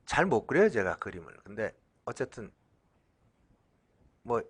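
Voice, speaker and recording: A man's voice: fairly low pitch, a little slow, slightly rough. A middle-aged man lecturing as a professor, asking questions and answering them himself. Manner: drawing on the slide while talking; lively, acts out shouts in a loud voice. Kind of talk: recorded lecture.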